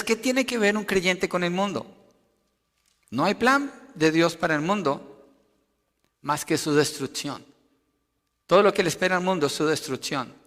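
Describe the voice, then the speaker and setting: A man preaching a sermon, emphatic, rising loud for quotations and dropping low to explain. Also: long reverb tail. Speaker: pastor.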